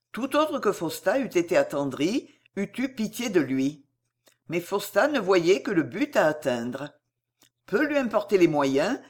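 A woman narrating a novel in a measured, expressive reading voice. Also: lowish voice. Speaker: audiobook narrator.

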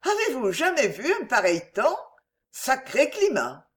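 A woman performs a full character voice, pitched above her own and already high, with wildly swooping pitch and a slightly slow pace. She plays a tall, lazy, foppish English nobleman who speaks in a languid, yawning drawl.

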